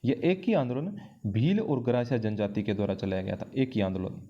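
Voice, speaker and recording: Recorded on a dull lo-fi microphone, a man runs a brisk history lesson for exam prep, tackling quiz questions and repeating key phrases for emphasis. His voice is mid-range with a dark tone.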